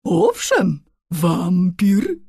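Woman doing a little vampire boy in a storybook, loud and lingering, very slow, swooping up and down, menacing then sulky, dry close sound. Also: big pitch swings, breathy edge, no room sound, full character voice. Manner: loud, drawn-out, booming delivery.

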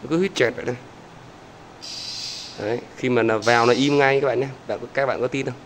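A chatty man, speaking at a mid pitch as he keeps turning to his viewers. He repeats small pointing words while talking outdoors. A faint hum of outdoor noise sits behind his voice. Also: fairly even intonation, a little fast. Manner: chatty, repeats "there" often, talks to viewers. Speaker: bird-keeping vlogger. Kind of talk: casual talk to camera viewers.

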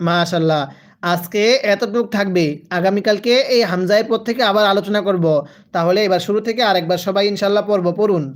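A woman with a Bangladeshi Bengali accent teaching Quran letter reading, drilling slow call-and-repeat syllables for her class. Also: medium pitch, fairly even intonation. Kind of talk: slow drilled recitation lesson.

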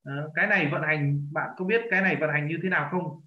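Patiently working on a student's pronunciation, a Korean teacher repeats phrases at a slow pace in a slightly high voice. The sound is lo-fi and dull, with echo bouncing around the room.

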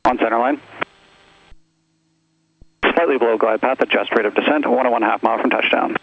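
A man working as an approach radar controller, calling headings and glide path over the radio in measured, clipped procedural phrases. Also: medium pitch, gravelly, fairly bright tone, breathy edge. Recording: dull radio transmission with faint noise.

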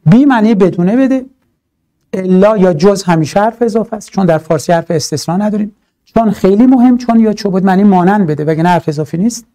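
A man teaching a grammar lesson for exam prep, talking in an animated, emphatic way with drawn-out stresses and rhetorical asides. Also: high-pitched.

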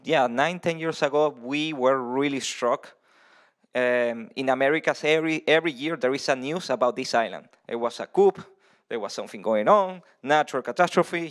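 A man from Venezuela in his thirties gives a conference talk into a handheld mic. He speaks in a loose, conversational way, restarting phrases and filling pauses with ums. His voice sits at an ordinary pitch for a man, and he is heard in a large, dark conference hall.

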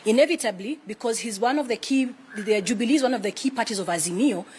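At a press briefing in an indoor room with flags, a Kenyan-accented woman in her thirties speaks for a retired president's office, answering questions formally and explanatorily. Her voice is fairly high, fast and a little mellow, with slight background noise.

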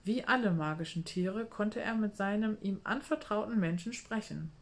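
A woman calmly reading a children's book aloud. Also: mid-range voice, moderate pace.

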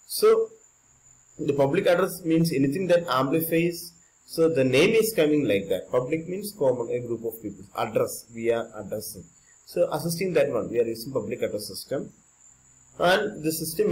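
An Indian-accented man with a mid-range voice gives a casual explanatory electronics lecture, repeating and rephrasing his points in simple non-native English. It's an indoor screen-recorded voice-over, and the recording is rough.

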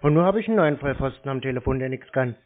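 A scam-baiting call recipient talks very fast in a mid-range voice, first feigning naivety with the scammers, then growing mocking and irritated. The phone line sounds tinny, with slight background noise.

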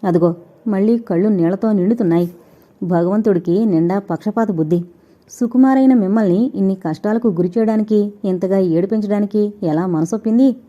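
An earnest young man pours out emotional, imploring words, as a woman narrator puts him on. The voice is deep-toned and very mellow. The recording is dull and lo-fi, like a storybook audio reading. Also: a little fast, natural voice. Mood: pleading.

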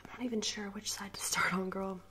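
A woman's voice: mid-range voice, steady tone, brisk, very noisy, lightly acted. A young woman playing a snooty popular girl in a whispered role-play, with a mock-sweet, snippy, condescending manner. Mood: snippy, exasperated. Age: young adult. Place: small indoor room, seated before camera.

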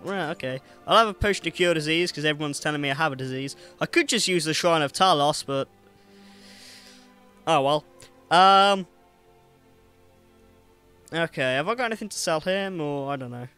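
A man's voice: fairly high pitch, normal speed, long pauses, pushed and bright, smooth, soft background music. Jokey man commentating a game. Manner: chatty, jokey, talks back to characters. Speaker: gameplay commentator. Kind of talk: let's play commentary.

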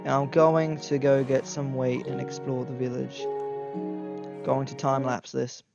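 A man giving excitable gameplay commentary, talking straight to his viewers and yelping when scared. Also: medium pitch, measured pace, gravelly, muffled recording, over music. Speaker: gaming YouTuber.

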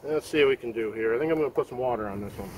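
A man's voice: medium pitch, rapid-fire, a little mellow, a little hiss or hum. Easygoing man chatting in an outdoor yard. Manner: easygoing, rambling, repeats words and restarts. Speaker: woodworking channel host. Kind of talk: casual outdoor workshop commentary. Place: outdoor sawmill yard in the woods.

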